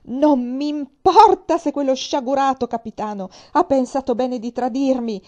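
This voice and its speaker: Woman doing a furious young queen, yelling high, warm voice. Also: moderate pace, highs cut off, natural voice. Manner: shouting in rage. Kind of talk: dramatic reading of a novel.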